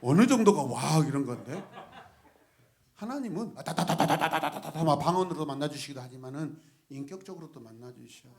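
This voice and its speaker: A male pastor preaching an animated sermon, shifting between soft asides, laughter and sudden shouts as he calls out to the congregation. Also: on the high side, a little fast, creaky. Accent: Gwangju.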